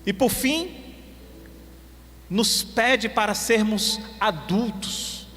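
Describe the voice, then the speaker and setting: A male pastor preaching emphatically, calling out straight to his congregation. His voice is high and bright, with a forceful edge. It carries a long reverb tail through the church hall, with faint music underneath. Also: lively intonation, very slow. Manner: emphatic, addresses the congregation directly. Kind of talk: sermon.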